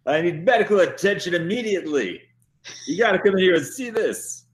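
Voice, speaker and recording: A man's voice: a little high, normal speed, a bit bright, lightly acted. A man voicing a male prisoner who fakes illness, pleading melodramatically to the guards. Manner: melodramatic, pleading, breaking into laughter.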